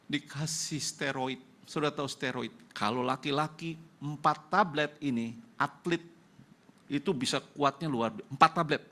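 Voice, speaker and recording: A man's voice: a little high, normal speed, sharp tone. A male pastor with an Indonesian accent giving an emotional testimony sermon in church, acting out the dialogue of the people in his story.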